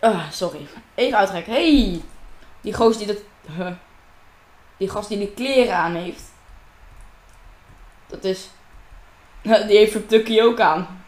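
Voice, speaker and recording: A woman with a mid-range voice talks slowly and pauses often as she chats through her gameplay at home, speaking to herself and whoever's watching. Her desk microphone captures a reverberant room.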